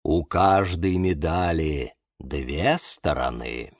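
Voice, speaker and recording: Guy doing a slow wise old bonsai, lecturey, calm, dry close sound. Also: mid-range voice, no room sound.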